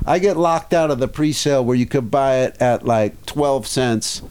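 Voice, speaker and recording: A man's voice: medium pitch, normal speed, a little mellow, slight background noise. A man co-hosting a casual podcast chat, telling rambling stories full of acted asides. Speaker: podcast co-host.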